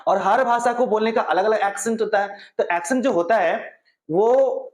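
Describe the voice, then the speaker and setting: A man's voice: sits high, normal speed, echoey room. A man teaching pronunciation at a classroom board, asking himself questions and answering them. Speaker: English teacher. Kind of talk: explaining pronunciation to viewers.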